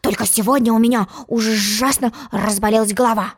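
A woman's voice: on the high side, fairly even intonation, a little fast, husky. A woman reading a storybook, voicing a timid, anxious little warrior who hesitates as he speaks. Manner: hesitant and worried.

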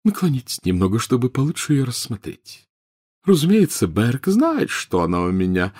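A man's voice: medium pitch, wildly swooping pitch, moderate pace, a little mellow, husky, no room sound, clean studio sound, voice pushed up. A male audiobook reader voicing a silly, doting old witch who gushes over her treasures in fussy exclamations. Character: silly gushing rich old witch woman. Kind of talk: audiobook character voice.

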